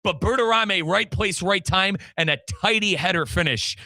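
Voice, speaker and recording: An American man hosts sports talk and does radio play-by-play, his high-pitched voice bright and forceful at a normal speed. Recapping the action, he's emphatic and colloquial, addressing listeners and his co-host directly. The sound is dry and close, with no echo.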